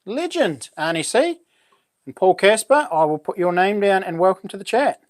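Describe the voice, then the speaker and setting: Matey Kiwi bloke with a broad accent. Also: male voice, high-pitched, expressive, normal speed, no room sound, clean studio sound. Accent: broad New Zealand. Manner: matey, informal, slangy. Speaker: livestream host. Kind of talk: casual live chat with viewers.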